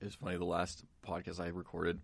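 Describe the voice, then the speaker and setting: A man's voice: deep voice, monotone, a little fast, creaky, slightly rough. A young man hosting a podcast, chatting in a laid-back, rambling way with lots of fillers. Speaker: podcast host. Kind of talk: casual chat.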